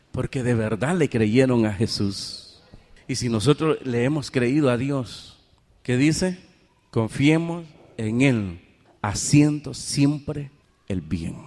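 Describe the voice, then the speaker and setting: A man preaching a sermon as pastor, pressing his point and asking the congregation rhetorical questions. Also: medium pitch. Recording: long reverb of a hall.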